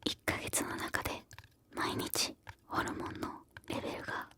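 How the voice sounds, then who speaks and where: A woman whispering softly and breathily close to the ear, gently answering questions in an encouraging ASMR style. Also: moderate pace. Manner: whispers throughout, soft and breathy; encouraging, gentle advice-giving.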